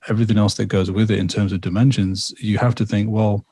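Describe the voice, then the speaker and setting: A man from England, guest storyteller on a podcast, relays a personal story in casual conversation, rambling and reflective with lots of repetition and filler words. His fairly low, mellow voice has a breathy edge, a level tone and a quick pace. The sound is clean studio quality with no echo.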